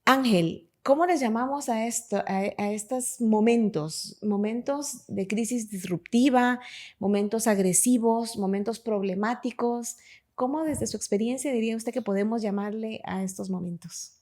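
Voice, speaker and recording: A woman's voice: on the high side, normal speed, dark tone. A woman with a Guatemalan Spanish accent hosting a podcast, asking guests reflective questions. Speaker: podcast host. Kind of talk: podcast interview.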